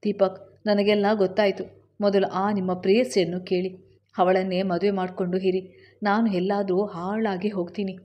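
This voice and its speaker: A woman's voice: medium pitch, level tone, moderate pace, pauses often, muffled recording, lightly acted. A woman voicing an angry, betrayed young wife who accuses her husband in a raised voice. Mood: accusing.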